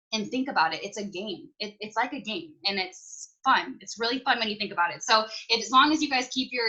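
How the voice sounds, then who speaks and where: A woman with a fairly high, bright voice and a forceful tone chats with her team over a video call in lo-fi sound. Upbeat and fast-talking, she offers casual motivational pointers full of "like"s and "you guys".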